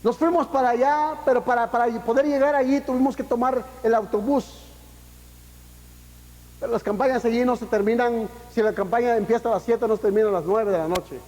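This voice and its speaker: A man's voice: very high voice, fairly even intonation, a little fast, darkish tone. A man preaching a sermon as pastor, impassioned, with emphatic peaks and rhetorical questions, dropping casual English phrases into his talk. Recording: long echo of a church hall.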